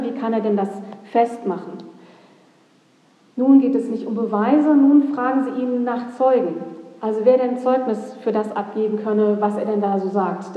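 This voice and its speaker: Mellow-voiced woman preaching in an echoey church. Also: mid-range voice. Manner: reflective, thinking aloud with questions. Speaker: pastor. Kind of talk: sermon. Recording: long hall reverb, echoey church.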